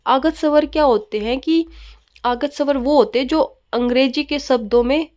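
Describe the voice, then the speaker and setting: A woman teaches grammar in a steady classroom manner. She keeps asking questions and answering them herself, and drops English words into her sentences. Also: sits high, moderate pace.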